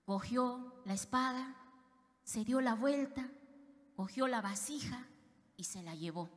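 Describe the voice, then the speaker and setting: A woman's voice: a little high, slow pace. A woman pastor preaching a fervent sermon, speaking directly to her congregation. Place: church. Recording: reverberant church hall.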